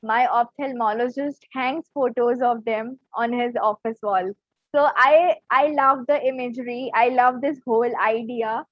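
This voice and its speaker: High-voiced woman asking interview questions. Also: steady tone, a little slow, no room sound. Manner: careful, repeats herself when asking. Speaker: interview host. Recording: dry, dull lo-fi audio.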